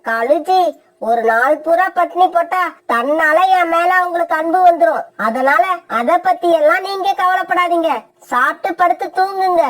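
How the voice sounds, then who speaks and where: A woman voicing a harsh, scheming mother crow in a cartoon, sharp-tongued and threatening. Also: very high voice, moderate pace. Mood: scolding. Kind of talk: cartoon voice acting.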